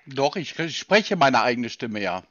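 A man with a lively, animated pitch who keeps needling the caller with dry, skeptical questions. His voice is close and dry with no room sound. The audio is a little dull and lo-fi. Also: measured pace, no room sound. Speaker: call recipient.

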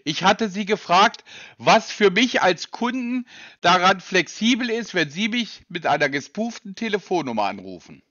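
A man's voice: high voice, big pitch swings, moderate pace, bright, forceful tone, no echo. A man on a phone call, questioning a sales agent insistently and with sarcasm. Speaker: person being called by a sales agent.

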